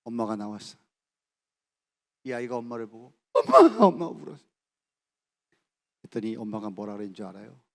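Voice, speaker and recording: A middle-aged man preaching at a youth camp service, telling the story dramatically and acting out the characters' lines, swinging from shouts to hushed near-whispers. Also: on the low side, fairly even intonation, fairly quick, creaky, pauses often. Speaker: pastor. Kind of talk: sermon.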